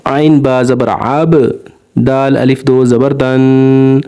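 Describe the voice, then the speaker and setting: Guy teaching quran reading, spells out letters then stretches the word, slow and clear voice. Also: medium pitch, level tone, dark tone, soft background music. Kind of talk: spelling out and drawing out Arabic syllables in a recitation lesson.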